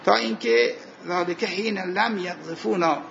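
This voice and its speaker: A man teaching a seminary class on Arabic grammar and scripture, asking his students questions, answering them himself, and reciting verses slowly. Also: high-pitched, vocal fry, fairly bright tone, lo-fi sound, slight background noise. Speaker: religious studies teacher.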